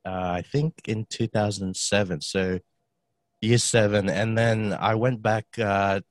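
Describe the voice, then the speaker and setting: A young man in his twenties with a very low voice, chatting as a podcast guest. He rambles easily, with plenty of "um"s and a laugh here and there. The sound is dry and close to the mic. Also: measured pace, no echo. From Australia. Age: 20s. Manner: relaxed, rambling, with many fillers and laughs. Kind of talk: casual conversation.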